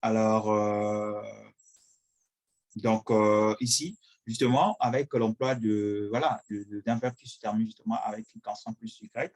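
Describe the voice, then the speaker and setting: A man explaining a grammar lesson as an English teacher, pausing often with fillers and checking in with the class. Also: lowish voice, darkish tone, slightly rough, low-quality recording. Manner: frequent fillers, checks in with "d'accord?".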